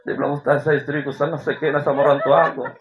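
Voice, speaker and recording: A man, preaching a lively sermon to a congregation, telling stories and swinging from hushed to loud. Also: on the high side, fast talker, dull audio, noisy background. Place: mosque gathering with audience.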